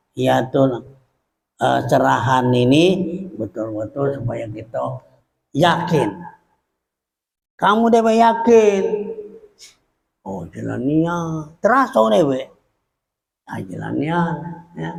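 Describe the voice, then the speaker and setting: A man with a Palembang Malay accent gives a sermon as a religious teacher, unhurried, with frequent pauses and fillers. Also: on the high side, creaky. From Indonesia.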